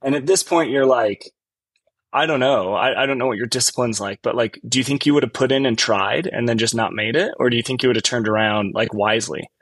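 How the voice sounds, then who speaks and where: A man hosting a casual interview, relaxed and thinking aloud with lots of "like". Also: medium pitch, a little fast, husky, no room sound. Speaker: podcast host.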